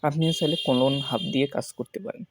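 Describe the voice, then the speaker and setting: A man hosting a screen-recorded tech tutorial, walking viewers through each step slowly with many fillers. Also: mid-range voice, slight background noise. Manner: slow step-by-step instructions with fillers. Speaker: tutorial host.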